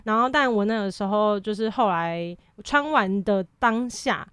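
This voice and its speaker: Young woman, animated storytelling, dry close sound, mid-pitched. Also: clean tone, dry recording. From Taiwan. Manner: animated, acts out quotes, many quick "right, right" fillers. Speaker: podcast guest. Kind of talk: casual storytelling chat.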